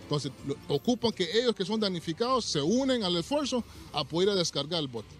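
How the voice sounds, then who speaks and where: A man's voice: high-pitched, sing-song, a little fast, a bit bright, faint music behind. A middle-aged man from Honduras, a mayor speaking outdoors at night into a reporter's handheld mic, blunt and urgent. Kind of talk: live news interview. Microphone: reporter's handheld microphone.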